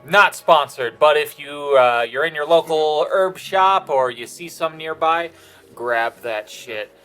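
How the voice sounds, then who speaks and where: A man's voice: on the high side, measured pace, pushed and bright. A young man co-hosting a casual podcast, brash and joking, swearing freely. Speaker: podcast co-host. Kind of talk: casual chat. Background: faint background music.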